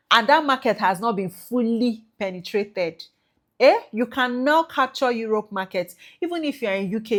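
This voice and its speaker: A Nigerian woman, an export business trainer, giving an emphatic promotional talk and checking in with "okay?" and "right?" as she goes. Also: mid-range voice. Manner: emphatic, repeats tag questions like okay and right; mixes in Nigerian Pidgin phrases. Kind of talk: promotional talk to prospective students.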